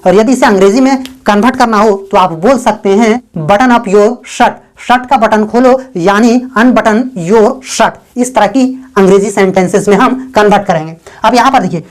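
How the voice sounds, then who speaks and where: A woman teaching spoken English, explaining step by step and repeating example sentences slowly. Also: mid-range voice. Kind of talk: spoken English lesson in Hindi.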